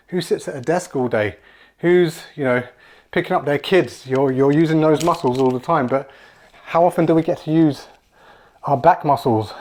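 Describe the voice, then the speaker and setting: A man in his forties leads a home workout, relaxed and encouraging as he demonstrates each move. His voice sits at an ordinary middle pitch. He restarts phrases and repeats words as he goes. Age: 40s. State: slightly out of breath at times. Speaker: fitness coach. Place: small room at home with kids' toys.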